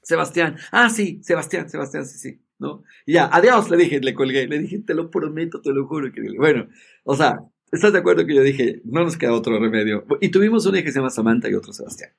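A middle-aged man, a podcast guest telling a story in a lively way and acting out the voices in it. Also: mid-range voice, fast, creaky, breathy edge. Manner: animated storyteller, acts out quoted dialogue. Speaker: podcast guest, entrepreneur and speaker. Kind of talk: casual storytelling chat.

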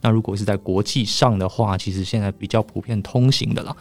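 A man's voice: fairly low pitch, steady tone, a little fast, a little mellow. A man with a Taiwanese accent talking casually as a journalist guest, explaining his reporting. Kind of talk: casual explanatory podcast talk.

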